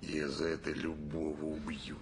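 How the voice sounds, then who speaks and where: Very deep, gruff, threatening boss. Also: male voice, monotone, normal speed. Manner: gruff, blunt. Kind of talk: comedy film acting. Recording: noisy film soundtrack.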